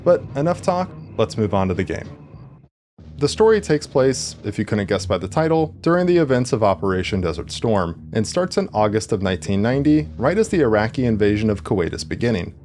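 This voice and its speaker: A man's voice: fairly low pitch, sing-song, a little fast, a little mellow, slight background noise. A man giving a wry, conversational scripted narration as a video game reviewer. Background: background music.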